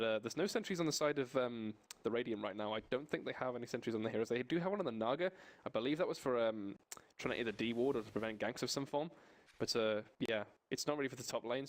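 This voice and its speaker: Brief: male game caster, rapid-fire, excitable play-by-play. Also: medium pitch. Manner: fast, excitable, laughs often, apologetic slips. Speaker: esports caster. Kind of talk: live game commentary.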